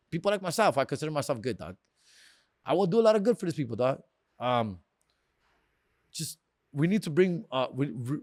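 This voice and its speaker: A podcast host in his 40s delivers a casual, slangy monologue, tossing in "bro," "dog" and "fool" and mixing in Spanish phrases. His voice is a little high, recorded at studio quality with no room sound.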